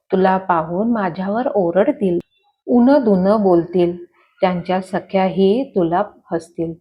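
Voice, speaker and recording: A woman's voice: medium pitch, darkish tone, lightly acted. Woman doing a timid pleading palace maid. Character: humble palace maid, anxious to please.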